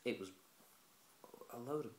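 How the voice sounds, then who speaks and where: Indoors at home, an English vlogger gives blunt, opinionated, plain-spoken commentary to camera for his video blog. His mid-range voice moves a little slowly, and the echoey room recording has a slight hiss or hum.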